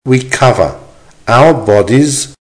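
Slow, deliberate man reading a dictation. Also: mid-range voice, a little mellow. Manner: deliberate, measured enunciation with pauses. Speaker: language teacher reading dictation. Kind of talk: slow dictation read aloud, each phrase repeated, punctuation spoken.

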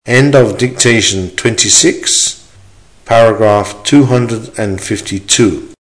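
A man reading an English-lesson dictation aloud in short, deliberate, carefully measured phrases, repeating them and speaking the punctuation. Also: lowish voice, poor audio. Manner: deliberate, measured enunciation with pauses. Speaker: language teacher reading dictation.

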